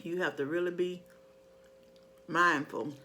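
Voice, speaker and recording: A woman's voice: on the low side, steady tone, a little slow, pushed and bright, slight background noise. A middle-aged woman in casual, rambling chat to her viewers, conversational and emphatic when she makes a point. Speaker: mukbang vlogger.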